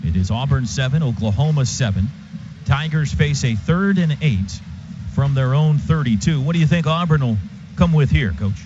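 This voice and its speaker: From the stadium's radio booth, an American man with an animated mid-range voice gives live football play-by-play at a moderate pace. His phrases are clipped and vivid, and the live broadcast audio is dull and noisy.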